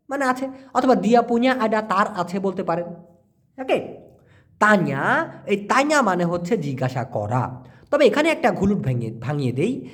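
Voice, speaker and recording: Animated man teaching language. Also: high-pitched. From Bangladesh. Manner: animated, spells out and repeats words slowly. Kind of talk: answering viewer questions.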